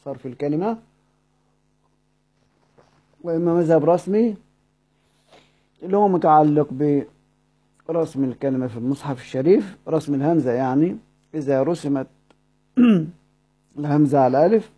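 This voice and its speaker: A man with an Egyptian Arabic accent teaching Quran recitation, explaining a poem line by line, asking the class questions and slowly repeating words. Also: fairly high pitch, mellow, husky.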